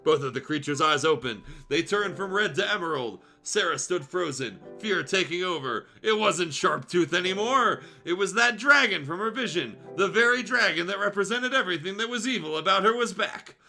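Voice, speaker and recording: Speaking at normal speed with few pauses, a streamer reads fan fiction in a high, lively, pushed and bright voice. His narration is dramatic and animated but casual, with asides and small self-corrections, as music plays behind him.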